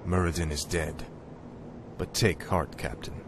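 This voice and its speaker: An actor playing a grim, vengeful young warrior prince in a video game, intense and solemn. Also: male voice, sits low, steady tone, a little slow, creaky, background noise. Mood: grim resolve. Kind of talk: video game cutscene voice acting. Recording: dramatic music behind.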